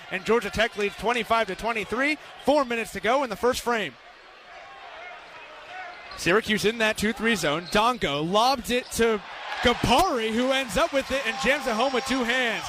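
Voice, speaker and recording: An American man calls a basketball game live on radio from courtside in an indoor arena, projecting over the crowd like an announcer. His voice is very high and his pace normal. Loud crowd noise and bouncing balls fill the background.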